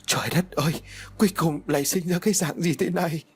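A man voicing a domineering older woman who talks in a shrill, urgent, bossy way. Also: big pitch swings, fast talker, breathy edge. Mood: frantic.

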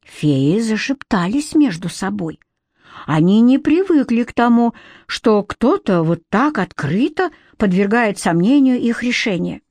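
A woman narrating a children's fantasy audiobook in an even, measured way. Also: fairly high pitch, dry recording. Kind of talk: storybook narration.

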